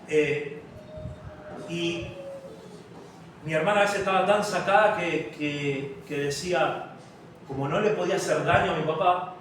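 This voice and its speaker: A man with a Rioplatense Spanish accent preaching a sermon and telling a personal story, with halting restarts. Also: a little high, a bit bright, a little hiss or hum. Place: large church hall. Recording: very echoey hall, distant mic.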